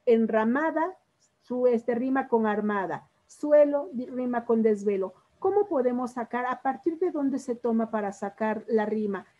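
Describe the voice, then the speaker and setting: A woman's voice: on the high side, lively intonation, a little slow, dark tone. A woman teaching a literature lesson on poetry, patiently quizzing her students and drawing out syllables. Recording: dull lo-fi classroom recording.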